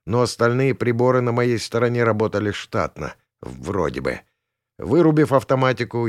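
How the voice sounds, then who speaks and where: A man reading a first-person audiobook in a gruff, colloquial way. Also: lowish voice, dry recording, clean studio sound. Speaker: audiobook narrator.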